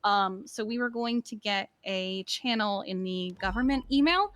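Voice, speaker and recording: A woman in a roleplay stream chat, talking through requests in character with frequent ums and pauses. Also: mid-range voice, fairly bright tone, dry recording. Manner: rambling, many ums. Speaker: roleplay EMS command player.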